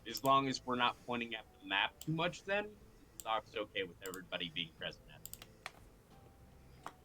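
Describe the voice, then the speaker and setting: A man playing a tabletop game, proposing plans and asking quick, direct questions. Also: lowish voice, sing-song, sharp tone, a little hiss or hum, rough recording. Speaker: player.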